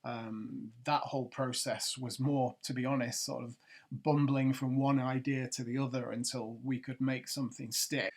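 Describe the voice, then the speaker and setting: A man's voice: mid-range voice, little pitch movement, normal speed. A middle-aged man, founder of a watch brand, talking casually over a screencast, rambling with many ums and restarts. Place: at a computer doing a screencast.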